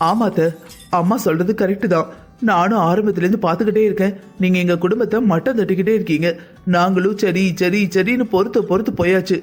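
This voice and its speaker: A protective young brother from a family cartoon. He speaks firmly and defensively in a fairly high voice. Faint music sits behind him. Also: quick pace. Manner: firm, defensive. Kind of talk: cartoon dubbing.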